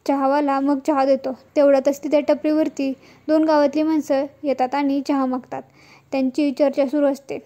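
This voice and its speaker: A woman retelling a TV serial episode, reading every part herself in a steady storytelling way. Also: sits high, normal speed. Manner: steady storytelling pace, reads all parts herself. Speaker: serial recap narrator.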